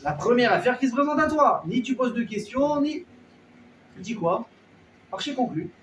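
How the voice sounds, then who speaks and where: A man's voice: extremely high pitch, normal speed, slight background noise. A man, a rabbi, telling a story as a sermon in casual slang, acting out the people in it. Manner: lively storyteller acting out characters, colloquial. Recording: echoey room, voice a bit far from the mic.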